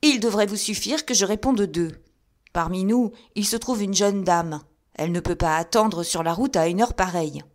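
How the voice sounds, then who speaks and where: A woman voicing a nervous, fussy gentleman who speaks insistently in a raised, higher voice. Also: moderate pace, close to an everyday voice. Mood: indignant. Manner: fretful, insistent.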